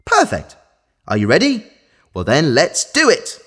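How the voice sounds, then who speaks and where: A male instructor presents a scripted listening exercise. His intonation is extremely lively, moving widely up and down. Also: on the high side, unhurried, breathy edge.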